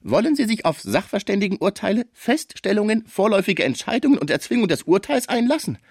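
A man voicing a sly, menacing male lawyer who sneers and mocks in a high, sharp voice. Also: sing-song, quick pace, breathy edge, dry recording, studio quality, exaggerated voice. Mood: sneering.

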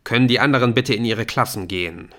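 A man voicing a calm adult schoolteacher who speaks in a measured, firm way. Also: mid-range voice, close to an everyday voice. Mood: calm authority. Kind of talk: audiobook character voice.

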